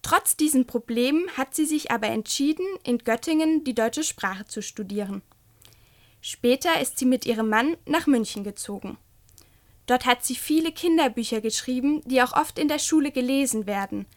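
A woman reading a children's book aloud and talking gently to young listeners. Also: sits high, normal speed. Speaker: storyteller.

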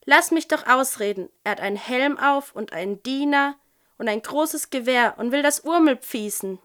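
A woman voicing a small, hurried male penguin who lisps his s and k sounds as pf in a storybook reading. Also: high-pitched, fairly bright tone, smooth. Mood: breathless.

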